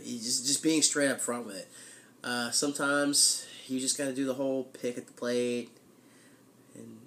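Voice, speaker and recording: A man vlogs in a casual, conversational way with a stuffed-up nose. His voice is congested from a head cold, as if tissue were plugged up one nostril. There is some noise behind him, and his pitch sits in a middle male range. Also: a bit bright. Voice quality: stuffy, blocked-nose sound. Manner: conversational, loose, frequent "you know". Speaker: weekly vlogger. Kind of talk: casual chat to camera.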